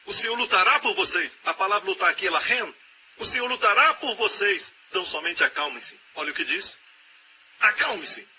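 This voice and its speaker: A man's voice: high-pitched, lively intonation, a little fast. Emphatic male preacher over background noise. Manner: emphatic preaching, repeated calls of amen. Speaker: pastor interpreting a sermon. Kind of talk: dubbed sermon voice-over.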